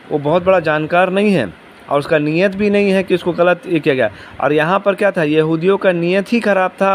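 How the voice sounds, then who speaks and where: With a high-pitched voice, a man teaches a lesson of Quran commentary. He patiently explains, puts questions to his listeners, and repeats important words. There's a bit of hiss or hum in the audio.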